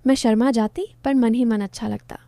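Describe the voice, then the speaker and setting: Warm-voiced woman telling an emotional story. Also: fairly high pitch, steady tone, normal speed, dry recording. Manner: soft, heartfelt, confiding. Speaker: first-person narrator. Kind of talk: scripted narration of an emotional story.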